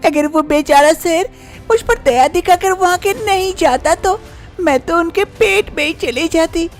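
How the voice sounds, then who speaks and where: A woman doing a high, fretful young village bride. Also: unhurried, faint music behind. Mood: relieved. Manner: anxious muttering to herself. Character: young village daughter-in-law, fretful and chattering. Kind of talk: animated storybook voice acting.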